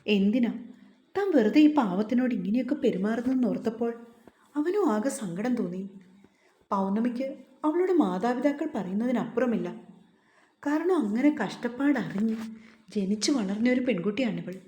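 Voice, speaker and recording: A woman reading a romance novel aloud in a calm, unhurried, soft voice. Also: a little high. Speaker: storyteller. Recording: echoey, slightly muffled home recording.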